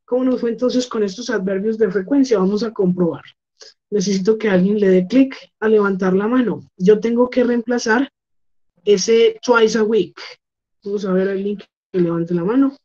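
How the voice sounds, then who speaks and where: A woman teaching English online in Spanish, explaining slowly and repeating words for pronunciation, with a Colombian accent. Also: medium pitch, dark tone, lo-fi sound. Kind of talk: online class lesson.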